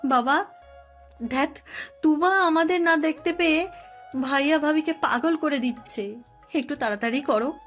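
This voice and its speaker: Woman playing a hurried aunt calling the kids. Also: high-pitched, faint music behind, pitched above the performer's own voice, close to an everyday voice.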